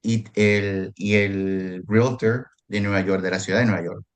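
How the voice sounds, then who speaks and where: A man co-hosting an online real estate mastermind, telling anecdotes in a casual, animated way and often repeating words as he restarts. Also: fairly low pitch, a little slow. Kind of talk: casual group discussion.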